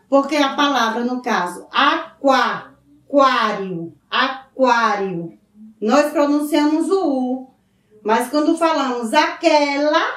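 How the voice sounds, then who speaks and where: In a recorded school lesson for children, a female teacher with a Brazilian Portuguese accent speaks in a high voice, stretching out her syllables slowly. She keeps checking in with "certo?", and the sound is roomy, picked up by a distant mic.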